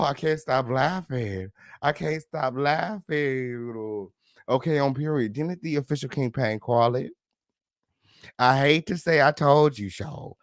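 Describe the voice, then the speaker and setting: A man hosting a celebrity gossip livestream, sassy and flamboyant, full of loud catchphrases, profanity and high, squealing laughs. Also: creaky, dry recording, clean studio sound. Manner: frequent high-pitched laughing outbursts. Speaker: gossip show host. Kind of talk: casual livestream commentary.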